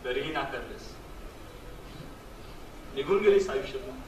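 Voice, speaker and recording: On an echoey stage, picked up by a distant mic with background noise, an Indian man acts in a drama as a sentimental husband still devoted to an old love. His mid-range voice, close to everyday speech, moves with lively intonation at an unhurried pace as he speaks earnestly and wistfully.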